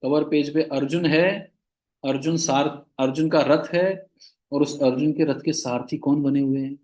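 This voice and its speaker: A man's voice: a little high, fairly even intonation, measured pace, darkish tone. A man giving a spiritual discourse, telling stories and asking his listeners questions. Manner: asks the listeners questions and acts out the quoted characters. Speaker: spiritual teacher. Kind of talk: Hindi spiritual discourse with storytelling.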